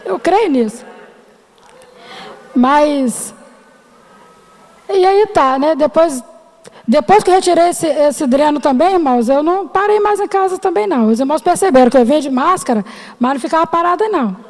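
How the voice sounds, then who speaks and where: Middle-aged woman telling her testimony at church, high voice, emotional, lots of hall echo. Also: lively intonation, moderate pace, pauses often, a little mellow. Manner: emotional, addresses listeners as brothers and sisters. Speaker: church member giving testimony. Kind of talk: personal testimony to a congregation. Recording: long hall reverb.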